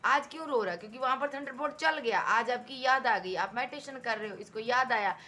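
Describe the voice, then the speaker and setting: A woman's voice: on the high side, brisk, sharp tone. A woman giving a tarot reading, talking emphatically and repeating herself as she addresses the viewer directly. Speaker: tarot reader.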